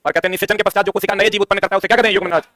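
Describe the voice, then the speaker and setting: A man's voice: high voice, steady tone, racing, bright, forceful tone, dry recording. A man, teaching an exam-prep science lesson, asking questions and answering them himself. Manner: quizzing, asks and answers his own questions.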